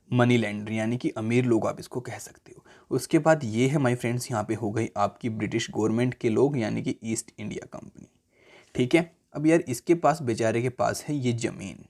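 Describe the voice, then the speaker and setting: A young man with an Indian accent teaching a textbook lesson. He reads the English text slowly, then explains it in chatty mixed Hindi and English and keeps checking in with the class. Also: mid-range voice, darkish tone.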